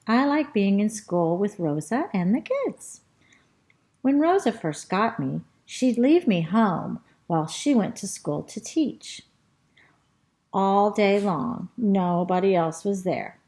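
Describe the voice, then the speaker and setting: A woman reads a children's storybook aloud, voicing its narrator, a talkative, fussy female parrot kept as a classroom pet. Her middle-pitched delivery is slow and unhurried, with a lively sing-song rise and fall and drawn-out rhymes.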